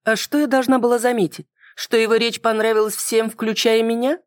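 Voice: medium pitch, little pitch movement, a little fast, no room sound, clean studio sound, pitched above the performer's own voice, close to an everyday voice. A reader voicing a sarcastic young woman in an audiobook, with teasing, exasperated questions. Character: sharp young woman, sarcastic academy curator. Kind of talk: audiobook dialogue.

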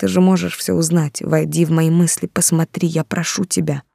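A desperate young woman pleads and insists she is innocent, as an audiobook reader voices her. The voice is mellow and warm, and the recording is close and dry. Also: medium pitch, little pitch movement, normal speed, creaky, dry recording. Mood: pleading. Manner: pleading, tearful. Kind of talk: audiobook character reading.

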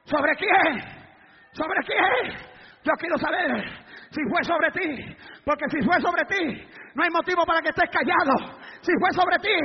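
Casting: a high-pitched male revival preacher, shouting and fervent, speaking in tongues, recorded in a big hall. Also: unhurried. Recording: dull recording in a reverberant hall with a crowd.

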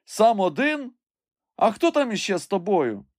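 A man voicing an excitable, obsessed gentleman treasure hunter who gives agitated, trembling commands. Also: high-pitched, unhurried, dry recording, clean studio sound, pitched above the performer's own voice, full character voice. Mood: anxious.

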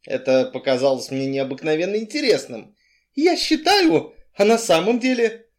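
A sly, blustering crime boss, as a male reader acts him out, mocking and evasive, flaring into shouts. The voice sits a little high and swings widely between sneers and bursts. It is from a crime audiobook. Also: very animated, normal speed.

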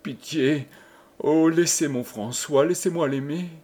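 A man's voice: a little high, unhurried, darkish tone, breathy edge, pitched above the performer's own voice. A man voicing a young noblewoman who stammers and sobs her desperate pleas. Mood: desperate pleading.

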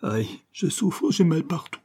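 A man's voice: on the low side, normal speed, dark tone, slightly rough. A man reading a novel aloud, voicing an exhausted young male reporter who sounds faint, strained and pleading. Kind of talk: audiobook character reading.

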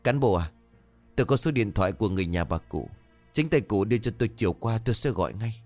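A man's voice: fairly low pitch, fast talker, soft background music, natural voice. A man voicing a shaken motorbike-taxi driver who speaks urgently. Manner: urgent, trembling.

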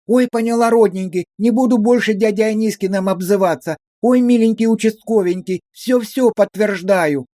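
A man puts on a high, fawning village woman who wails and pleads in a sing-song lilt, voice pushed up well above a man's own and loud, recorded dry and close. She gushes and begs without pause. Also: no echo, lightly acted. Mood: pleading. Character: fawning, wailing village woman under questioning.

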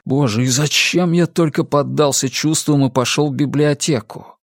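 A man voicing an anxious, restrained teacher who speaks quietly and in despair. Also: on the high side, normal speed, dry recording, studio quality. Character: worried older male teacher, restrained and anxious.

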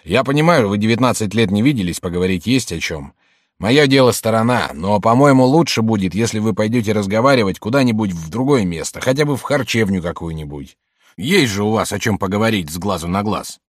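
A man voicing a grumpy old male fortune-teller in an audiobook, speaking gruffly and curtly. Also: fairly low pitch, expressive, fairly quick, no room sound, clean studio sound. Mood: grumbling. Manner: gruff, curt, grumbling. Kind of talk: audiobook character reading.

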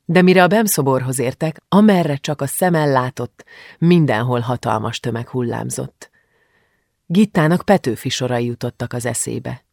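A man narrating an audiobook in a measured, even storytelling manner. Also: mid-range voice, creaky, no room sound, studio quality. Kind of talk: scripted narration.

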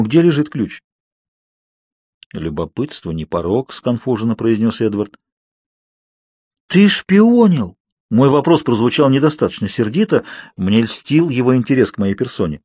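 A man reading a first-person audiobook narration in a calm, even manner on a close mic. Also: medium pitch, dry recording. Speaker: audiobook reader.

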